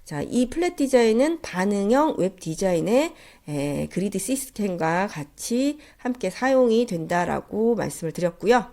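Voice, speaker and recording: Congested, nasal woman lecturer with lively intonation. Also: mid-range voice. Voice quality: nasal, stuffed-up head-cold voice. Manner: polite, explanatory. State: congested with a cold. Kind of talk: instructional slide lecture.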